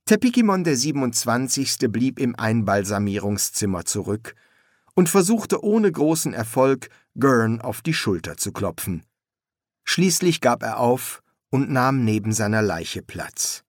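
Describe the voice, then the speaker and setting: A man narrating an audiobook in a measured, deliberate way. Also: medium pitch, big pitch swings, no room sound, studio quality. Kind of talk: scripted narration.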